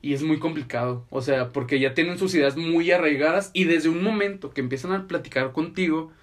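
A man's voice: fairly high pitch, a little fast. A young man with a Mexican accent chatting casually as a podcast co-host, explaining things in slangy, profane language. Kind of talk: casual chat.

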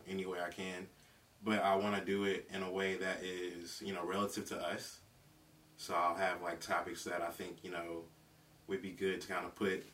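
A man in his twenties from South Carolina, hosting his own podcast in a relaxed, rambling way, with lots of fillers and casual slang. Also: low-pitched. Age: 20s. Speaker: podcast host. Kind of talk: casual solo podcast talk. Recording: distant mic with faint background noise.

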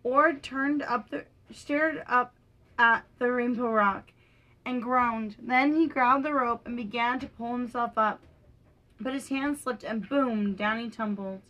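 A woman's voice: fairly high pitch, unhurried, lo-fi sound. Young woman reading a children's storybook. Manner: gentle and lightly animated, giving characters small voice lifts. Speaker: podcast storyteller. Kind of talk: reading a children's book aloud.

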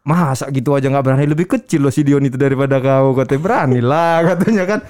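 A man's voice: mid-range voice, quick pace. A young man telling stories in casual chat, acting out what people said and laughing often. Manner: animated, acts out quotes, laughs often.

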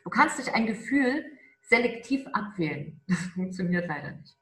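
A woman coaching on charisma in a conversational interview, emphatic and stretching key words slowly. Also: medium pitch, big pitch swings, a bit bright, reverberant.

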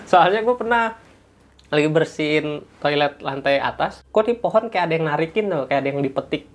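A man's voice: a little high, lively intonation, fairly quick. A man, chatting as a guest who tells office ghost stories and acts out the sounds with little noises. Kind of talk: casual storytelling chat.

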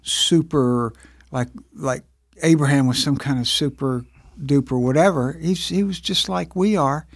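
A man co-hosting a casual faith podcast discussion, rambling and animated, acting out voices as he retells stories. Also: fairly high pitch, measured pace, creaky, dry recording, studio quality. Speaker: podcast co-host.

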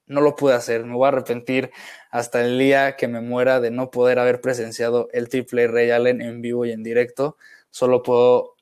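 A young man with a Mexican accent talks casually as a podcast co-host. He often circles back and restarts his thoughts. His voice is smooth and clear at an average pitch. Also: completely flat delivery, brisk, darkish tone. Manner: rambling and reflective, with frequent restarts. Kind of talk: casual chat.

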